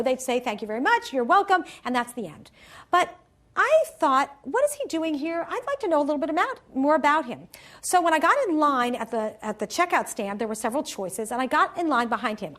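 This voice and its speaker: A woman lecturer giving an upbeat motivational talk on stage, telling a story and laughing at her own punchlines. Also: high-pitched. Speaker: university lecturer.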